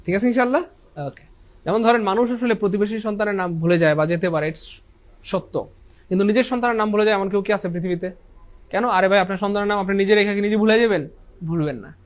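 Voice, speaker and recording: A man's voice: high-pitched, quick pace. A man teaching an online English grammar lesson, asking the class questions and answering them himself, mixing English terms into his speech. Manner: often says "inshallah" and "dear brothers and sisters".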